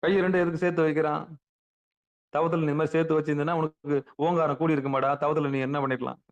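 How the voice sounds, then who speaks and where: A man's voice: on the high side, flat delivery, quick pace. Man giving a colloquial spiritual talk. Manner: asks rhetorical questions and answers them; emphatic, repeats words for stress. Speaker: spiritual teacher. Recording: dull lo-fi recording.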